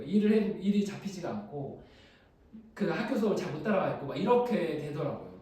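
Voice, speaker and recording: Male pastor, sermon, storytelling delivery, lively pitch, echoey room, mic at a distance. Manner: personal storytelling, shifting from animated to hushed. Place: small church room.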